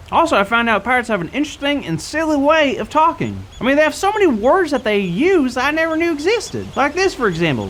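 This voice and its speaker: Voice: high voice, a bit bright, slight background noise, heavily acted. A performer playing Carl, a goofy, pirate-obsessed co-host on a church kids' show, talking in a silly, playful way.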